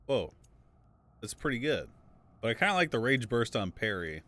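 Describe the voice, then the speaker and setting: A man's voice: mid-range voice, big pitch swings, normal speed, bright, forceful tone. A man talking casually over a livestream headset mic while playing a game, swearing often and chatting to viewers. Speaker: game streamer. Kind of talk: casual live gameplay commentary.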